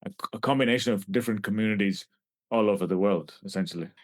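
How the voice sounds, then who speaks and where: This low-voiced man from Kenya, in his forties, is a scientist being interviewed, answering reflectively. He pauses thoughtfully and restarts phrases often, and the recording is close and dry.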